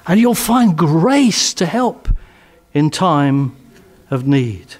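An older man with an English accent preaching a sermon in a church hall on a headset mic, earnest and emphatic, often dropping to soft, quiet phrases. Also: on the high side, very animated, drawn-out words.

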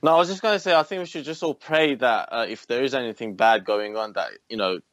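A man in his twenties from Iran, a podcast guest, telling his story with many pauses and restarts. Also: mid-range voice, fairly bright tone, dry recording. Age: 20s. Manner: hesitant, with frequent ums and restarts. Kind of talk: casual interview talk.

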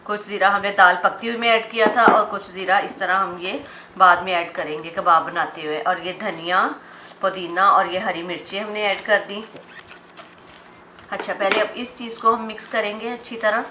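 A woman with a medium-pitched, fairly even voice hosts a cooking channel, talking viewers through a recipe step by step at a moderate pace. She's in her home kitchen with oil frying in a pan behind her, and the sound has a roomy echo and faint background noise.

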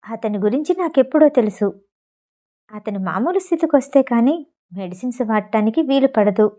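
A woman voicing a calm, cunning young woman doctor in an audio novel, speaking in a cool, composed way. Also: a little high, normal speed, natural voice.

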